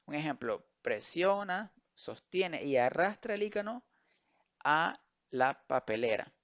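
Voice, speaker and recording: A man's voice: on the high side, big pitch swings, fairly bright tone, muffled recording. A man teaching English vocabulary to children in an online lesson, switching between Spanish and English and patiently repeating each word. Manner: slow, drilled repetition of words.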